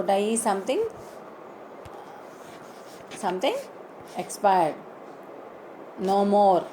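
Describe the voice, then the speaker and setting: A woman teaching an online English lesson, slowly spelling out words letter by letter and repeating them. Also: medium pitch, noisy background.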